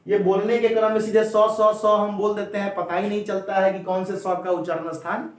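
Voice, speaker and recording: A man teaching a Hindi grammar lesson at a board, drilling each point slowly and repeating it while he speaks straight to his students. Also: high voice, flat delivery. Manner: slow, repetitive drilling, addresses students directly. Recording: very echoey room.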